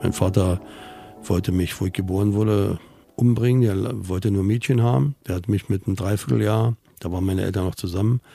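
A middle-aged man recounts his own story in an interview, blunt, colloquial and emotionally charged. His voice is deeply gravelly, dark and husky. The recording is close and dry. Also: brisk, soft background music. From Berlin, Germany. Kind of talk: personal testimony in an interview.

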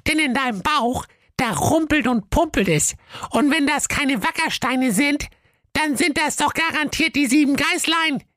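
A man voicing a young girl detective, bossy and triumphant, in a squeaky falsetto. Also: a little slow, no room sound, studio quality, full character voice. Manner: squeaky falsetto, sharp and commanding.

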